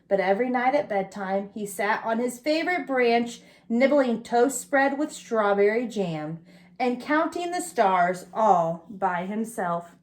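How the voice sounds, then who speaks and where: Reading a picture book to small children, this woman adds chatty remarks about the pictures and puts questions to her preschool audience. She speaks unhurriedly, with a fairly high pitch and lively intonation.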